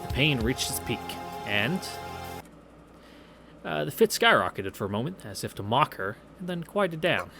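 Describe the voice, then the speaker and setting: A male let's play host reads a visual novel aloud and tosses in sweary, sarcastic commentary, with game music in the background. His mid-range voice has vocal fry and big pitch swings, and he talks at a normal speed.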